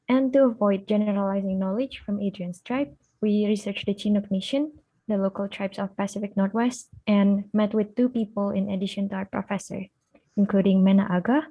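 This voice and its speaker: An Indonesian architecture student, a young woman with a mid-range voice, gives an academic presentation over a video call. She sounds soft and hesitant, using many fillers, and the line is tinny like a phone.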